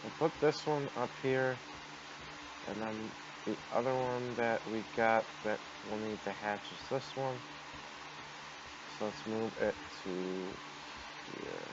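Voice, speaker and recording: A man's voice: fairly low pitch, slow, pauses often. A man giving casual commentary as he hosts a gameplay video. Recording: dull noisy home microphone.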